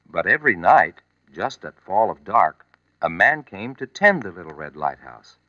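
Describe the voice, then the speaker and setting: A man narrating a children's storybook in a slow, expressive reading voice. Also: dry recording. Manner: slow, expressive reading with lively, rising and falling pitch. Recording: muffled old vinyl record with music.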